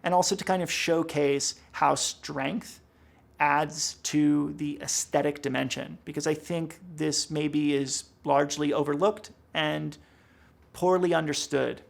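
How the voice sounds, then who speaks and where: Director type, male, thoughtful and explanatory, rough gravelly tone. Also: fairly high pitch, fairly even intonation, a little slow. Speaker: production director. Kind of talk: behind-the-scenes interview.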